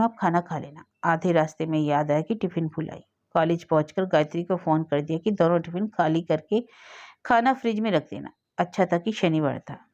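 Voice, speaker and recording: A woman's voice: mid-range voice, a little mellow. Woman telling an emotional story on muffled audio. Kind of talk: first-person story narration. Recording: dull lo-fi audio.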